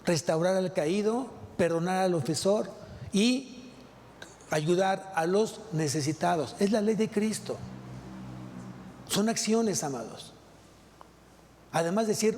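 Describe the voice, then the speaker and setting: A man's voice: high voice, darkish tone, a little hiss or hum. A male pastor with a Mexican Spanish accent preaching a sermon, asking rhetorical questions and repeating key phrases. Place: large church hall. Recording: long hall reverb.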